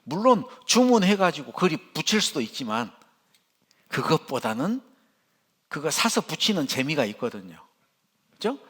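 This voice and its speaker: An older man, a pastor, preaching a sermon in church with animated, folksy storytelling. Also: a little high, moderate pace, pauses often, slightly rough.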